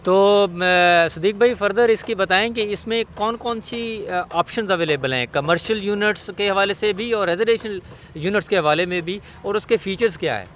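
A man's voice: sits high, normal speed, a bit bright, slight background noise. Polite Pakistani male property-show host. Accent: Pakistani Urdu. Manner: polite, with frequent short agreements.

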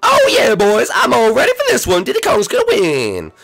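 A man voicing a hyper, cocky little monkey who talks in excited, shrill bursts. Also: moderate pace, gravelly, no echo, faint music behind, exaggerated voice.

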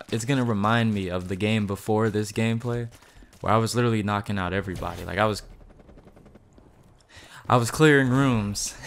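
Young man, gameplay commentary, excitable, bursts of yelling, faint background hiss. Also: lowish voice. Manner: excitable, yells at teammates and shouts in bursts. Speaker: gaming YouTuber.

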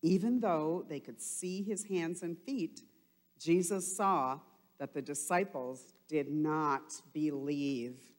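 Slow-spoken woman reading to children. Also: deep voice, fairly even intonation. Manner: warm, encouraging talk to young children. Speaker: children's storyteller at a church. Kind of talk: reading a Bible story to children. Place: church. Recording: long hall reverb.

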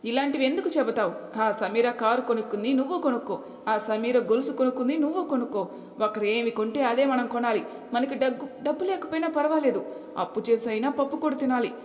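A woman's voice: on the high side, fast, a little mellow, close to an everyday voice. A woman voicing a stern older father who lectures his family with rhetorical questions, in an echoey room. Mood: scolding. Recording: echoey room, long reverb.

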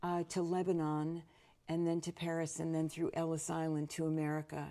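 Woman, 60s, minister as interview guest; measured and deliberate, fond of lists; lowish, warm tone; lapel mic in a studio. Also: little pitch movement. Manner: measured, slows for emphasis, builds lists. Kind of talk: reflective interview answers. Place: dark studio set, seated.

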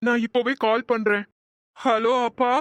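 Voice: mid-range voice, level tone, a little slow, fairly bright tone, no room sound, lightly acted. An actor voicing a worried young husband in a comic cartoon, speaking sternly and scolding his wife.

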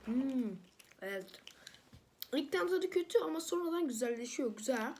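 A woman's voice: high-pitched, expressive, moderate pace. A woman talking casually on a vlog while eating and reacting to sour candy. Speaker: video creator. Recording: clearly noisy, crinkling wrapper sounds.

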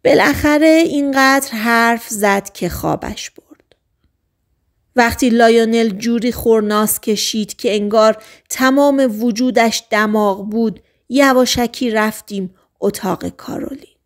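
A woman narrating a novel as an audiobook, in a soft, hushed, often half-whispered voice with slow, deliberate phrasing. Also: fairly high pitch.

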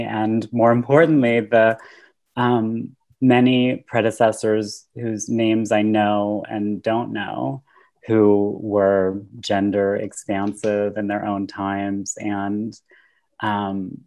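A woman in her thirties gives a relaxed keynote over a video call, her voice picked up by earbuds in a book-lined room at home. She speaks slowly, in a flat, unhurried tone that drifts with ums and soft laughs. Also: very deep voice, low-quality recording. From Syracuse, New York. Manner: slow, dreamy, with frequent ums and soft laughs. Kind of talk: relaxed conference talk. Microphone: earbud headset on a video call.

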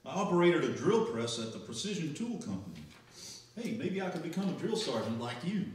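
A man's voice: fairly high pitch, big pitch swings, a little fast, a little mellow. Man acting young [name] army recruit, bumbling, polite, stammering, comedy radio skit, echoey and distant recording. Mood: nervous, polite. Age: young adult. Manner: stammering, drawling [name] impression. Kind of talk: live old-time radio comedy skit. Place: library room, live performance, indoors. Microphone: stand microphone, distant camera. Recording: echoey room from far off, music.

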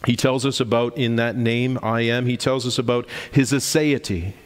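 A man's voice: fairly even intonation, moderate pace. Emphatic male preacher in a reverberant church. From Canada. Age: 40s. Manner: emphatic preaching, rising in pitch to stress points. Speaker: pastor. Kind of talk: sermon. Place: church sanctuary. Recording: long hall reverb in a church.

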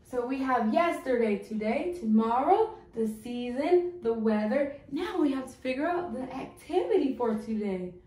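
High-pitched woman with kindergarten teacher voice. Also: a little mellow. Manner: kindergarten teacher voice, sing-song, encouraging, addressing young children. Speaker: preschool teacher, host. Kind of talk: children's circle time lesson. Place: small classroom-like room indoors. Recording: echoey room, distant microphone.

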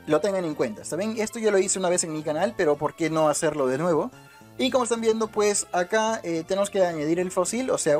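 A man's voice: high voice, darkish tone. A young man in his twenties from Peru, with a Peruvian accent, chatting casually through a game tutorial and often checking in with "right?". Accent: Peruvian Spanish. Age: 20s. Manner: chatty, keeps asking "¿está bien?" and "¿no?". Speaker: gaming YouTuber. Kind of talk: casual gameplay tutorial commentary. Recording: faint music in the background.

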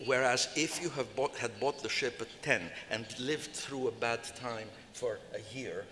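An older man with a medium-pitched, slightly bright voice speaks at a measured pace as a conference panelist. He rambles, full of fillers and restarts, into a table microphone. The large hall is reverberant, with faint noise.

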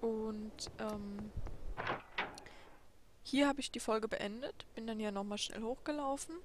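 A woman commenting casually on a game she plays, quietly musing aloud and asking herself questions. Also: fairly high pitch, takes it slowly. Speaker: let's play host. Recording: audible background noise.

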